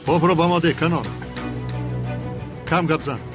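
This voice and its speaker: A man's voice: on the high side, fairly even intonation, close to an everyday voice. A man dubbing a blunt, demanding film character, over music.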